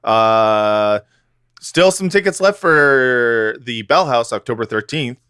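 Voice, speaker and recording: A man's voice: mid-range voice, animated, a little slow, bright, forceful tone, smooth, no echo, clean studio sound. Joking, rambling male podcast co-host. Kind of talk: casual comedic podcast chat.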